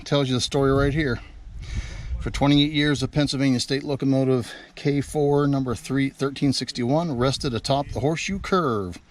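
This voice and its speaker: A man's voice: medium pitch, fairly even intonation, moderate pace. A man narrating a casual travel vlog outdoors, talking eagerly as he walks and points things out, with outdoor sound behind him. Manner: chatty, enthusiastic tour-guide talk. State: out of breath while climbing. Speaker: vlogger. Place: outdoors at a railroad overlook.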